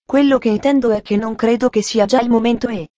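A woman's voice: on the high side, steady tone, a little fast, warm tone, lo-fi sound, lightly acted. A woman reading the part of a cheerful, talkative little girl in an audiobook, with an eager, earnest manner.

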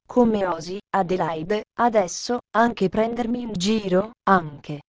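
A woman's voice: medium pitch, slow pace, no echo, muffled recording, natural voice. A woman playing a stern, menacing governess. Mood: furious. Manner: cold, threatening, then furious.

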